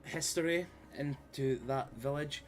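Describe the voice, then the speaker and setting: A Scottish man running a tabletop game on a live stream mic speaks a little slowly in a steady, mid-range voice, faint music behind him. He swears a lot and jokes around in casual chat before a game recap.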